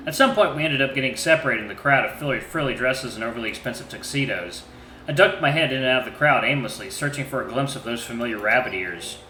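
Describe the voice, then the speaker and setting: A man giving expressive narration of a story. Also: medium pitch, quick pace. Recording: roomy, faint background noise.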